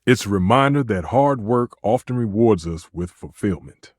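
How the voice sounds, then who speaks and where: A male actor playing a passionate, dramatic, flirtatious living stove who works as a chef, with a theatrical, expressive delivery in a dating video game. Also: lowish voice, normal speed, dry recording, clean studio sound. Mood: earnest, tender. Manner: theatrical, expressive, swinging between exclaiming and murmuring. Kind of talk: voiced dating video game character lines.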